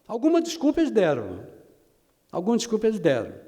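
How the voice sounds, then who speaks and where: A man's voice: high-pitched, huge pitch swings, quick pace, mellow. A man teaching a Bible lesson in a preaching style, dramatic, acting out imagined dialogues and repeating phrases for emphasis. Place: church hall. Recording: long hall reverb.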